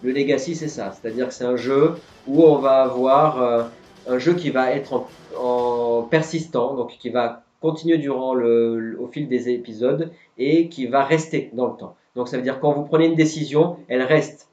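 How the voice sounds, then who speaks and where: A man's voice: medium pitch, moderate pace, darkish tone. A man hosting a live-streamed board game quiz, reading the questions and patiently explaining each answer. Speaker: quiz host. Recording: roomy, dull lo-fi sound, faint music.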